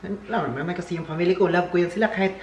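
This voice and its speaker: A man's voice: high-pitched, rapid-fire, a little mellow. A man with a Filipino accent, chatting casually and jokingly as a vlogger, with rambling asides. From Philippines. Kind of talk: casual vlog chat. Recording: echoey room, faint background hiss.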